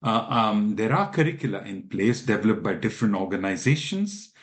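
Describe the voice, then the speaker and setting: A man from India speaks as an expert guest on a podcast. His voice sits low, and he explains in a measured way with frequent fillers and restarts. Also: sing-song. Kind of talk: podcast interview answers.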